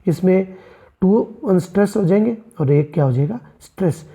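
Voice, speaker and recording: A teacher works through poetry terms for an exam, posing rhetorical questions and answering them right away. The voice is very dark and mellow. English terms are woven into the explanations, and the students are addressed as friends. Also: medium pitch, animated, normal speed. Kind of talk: exam-prep lecture.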